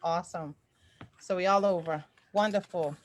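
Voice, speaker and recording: Indoors on a group video call, a Toronto woman who hosts an online sewing group keeps up a casual livestream chat, often repeating short affirmations. She has a lowish voice with fairly even intonation and a normal pace, and there's no room sound.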